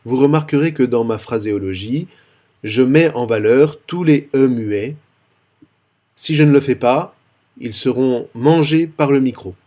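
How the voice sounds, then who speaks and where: A man calmly explaining how to chant a Sunday psalm, speaking with careful, clear diction. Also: mid-range voice, measured pace. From France. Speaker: liturgical singing teacher. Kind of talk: instructional tutorial with sung psalm examples.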